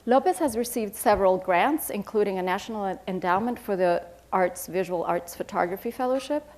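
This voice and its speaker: A woman's voice: mid-range voice, a little fast. Woman reading formal artist introductions. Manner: steady formal reading with occasional fillers. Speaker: panel moderator.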